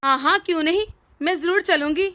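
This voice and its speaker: A woman voicing a meek, gentle young bride in a cartoon, soft-spoken and pleading. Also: extremely high pitch, fairly quick. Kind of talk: cartoon voice acting.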